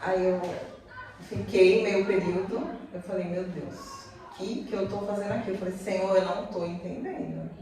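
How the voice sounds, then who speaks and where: A woman's voice: mid-range voice, moderate pace, crowd noise. Woman telling her story in an echoey room. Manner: animated storytelling, acting out dialogue. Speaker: guest sharing a testimony. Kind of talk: personal testimony. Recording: echoey room, far from mic.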